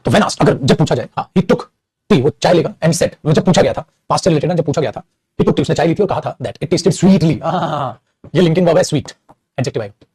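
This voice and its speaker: Male grammar teacher, mellow slightly high voice, dry close sound. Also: animated, slightly rough, dry recording. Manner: calls students "beta", reads sentences slowly. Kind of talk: exam error-spotting lesson.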